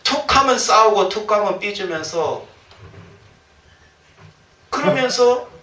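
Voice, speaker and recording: Animated Korean pastor preaching in an echoey church. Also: male voice, high-pitched, takes it slowly. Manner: animated, acts out quoted complaints. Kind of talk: sermon. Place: church sanctuary. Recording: roomy church sound from a distant mic, faint ambience.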